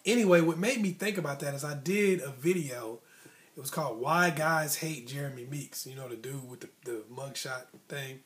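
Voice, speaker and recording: A man hosting an online advice vlog tells a personal story in a casual, colloquial, conversational style, voicing dialogue he remembers. His male voice is mid-range and fairly bright in tone, at a normal speed.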